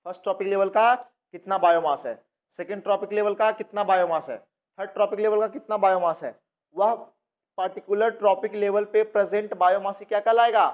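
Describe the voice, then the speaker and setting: High-voiced Indian teacher, quizzing repeatedly. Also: male voice, fairly even intonation, brisk. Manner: keeps asking the students questions and answering them himself; repeats key terms over and over. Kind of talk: classroom lecture.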